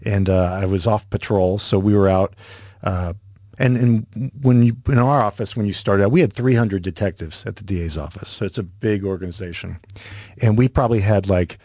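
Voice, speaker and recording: A man's voice: on the low side, normal speed, dark tone, dry recording. A middle-aged man hosting a radio show in a studio, chatting casually, laughing easily and telling stories. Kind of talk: casual talk-radio chat.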